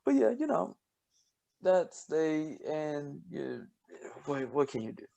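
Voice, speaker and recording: A man co-hosting a casual podcast, telling stories with lots of laughter and restarts, and dropping low and quiet when he quotes himself. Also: very animated, slow pace, vocal fry. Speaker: podcast co-host, scientist. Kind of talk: casual storytelling chat.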